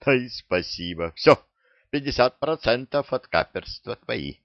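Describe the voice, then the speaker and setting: A man voicing a sly older pirate captain who wheedles and coaxes in a gruff way. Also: medium pitch, animated, a little slow, dry recording, dull audio, pitched above the performer's own voice. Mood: wheedling.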